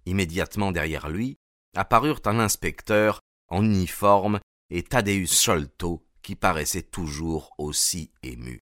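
A man narrating a classic mystery novel in a measured, even storytelling manner. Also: low voice, no echo, clean studio sound. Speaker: audiobook narrator.

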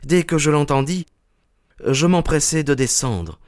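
A man's voice: a little high, expressive, a little slow, a little mellow, no echo, studio quality. A man voicing an earnest, polite young woman in an audiobook reading. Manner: polite, sincere.

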